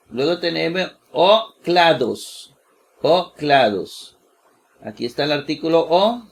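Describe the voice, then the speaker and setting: A man with a slightly higher voice leads a lesson at a very unhurried pace. He says each word two or three times and keeps checking that his listeners follow. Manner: slow and deliberate, repeats each word several times. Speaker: Bible teacher. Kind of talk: slow screen-share lesson.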